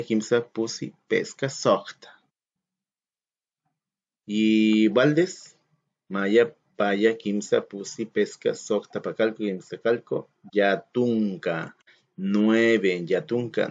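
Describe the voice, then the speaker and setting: A man's voice: on the low side, darkish tone. Man teaching a patient lesson, dull sound. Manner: patient, step-by-step explaining with questions to students. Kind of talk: recorded classroom lesson.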